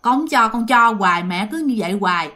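Woman as an exasperated Southern daughter, quick and firm, lively pitch. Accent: Southern Vietnamese. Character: fed-up adult daughter pleading firmly.

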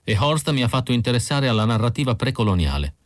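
A man's voice: mid-range voice, big pitch swings, fast talker, no echo, studio quality, voice pushed up, lightly acted. A man reading an audiobook, voicing a weary, bitter young woman android who speaks tensely and guardedly.

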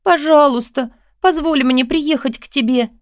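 A woman's voice: sits high, a little slow, no room sound, studio quality, pitched above the performer's own voice. A woman reading an audiobook voices a young female first-year student who talks in a pleading, tremulous way. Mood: anxious pleading.

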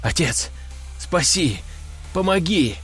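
A man's voice: a little high, very animated, slow, a bit bright, husky, soft background music, full character voice. A man voicing a panicked young son of a crime boss, screaming and pleading frantically. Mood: hysterical pleading. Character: panicked young male gangster's son, hysterical.

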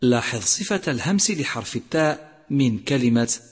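A man teaching Quran recitation rules in a measured way, slowly drawing out each example word. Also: medium pitch, expressive, breathy edge. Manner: measured, numbered points, slowly drawn-out example words. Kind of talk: instructional lesson. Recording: long hall reverb.

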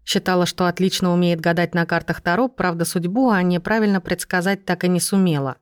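A woman reading a novel aloud as narrator, in an even, measured way. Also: lowish voice, no echo, studio quality. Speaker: audiobook narrator. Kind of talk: scripted narration.

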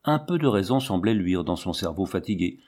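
A man reading a novel aloud as narrator, with a dramatic, expressive delivery. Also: low voice, fairly quick. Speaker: audiobook narrator. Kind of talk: scripted narration.

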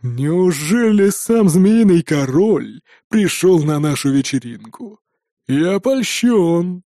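A man voicing a sly, menacing male raider who speaks slowly and mockingly. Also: very high-pitched, lively intonation, dark tone, no room sound, clean studio sound, voice pushed up. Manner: slow, mocking, drawn-out.

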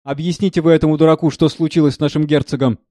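A man doing a sharp-tongued, mocking servant. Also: on the high side, steady tone, racing, no echo, clean studio sound, natural voice.

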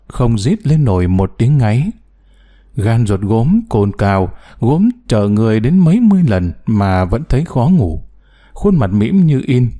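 A man narrating a novel as an audiobook, with expressive storytelling. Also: mid-range voice.

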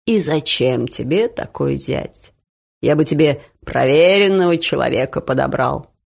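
A suspicious, grumbling old uncle from a storybook reading, voiced by a woman. He speaks low and slow, picking at everyone he doesn't trust. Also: animated, creaky, darkish tone, exaggerated voice. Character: gruff older man, suspicious, grumbling uncle.

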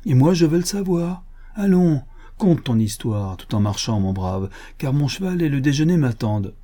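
A man reading an audiobook, voicing a cheerful, generous young prince with a brisk, kindly commanding manner. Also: mid-range voice, big pitch swings, warm tone, voice pushed up. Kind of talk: audiobook character voice.

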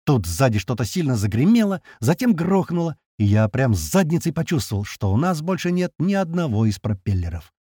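A man narrating an action audiobook in the first person with tense, lively storytelling. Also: medium pitch, fairly quick, few pauses, breathy edge, dry recording, clean studio sound.

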